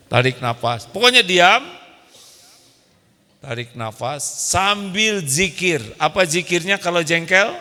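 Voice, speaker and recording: A man's voice: high voice, animated, slow, pauses often, bright, forceful tone. A male preacher, giving a playful sermon and acting out quarrelling couples in raised voices. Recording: long hall reverb.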